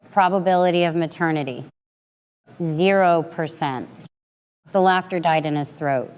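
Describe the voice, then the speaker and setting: A woman in her late twenties giving a measured, dramatic first-person story narration. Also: deep voice, clear, resonant tone. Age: late 20s.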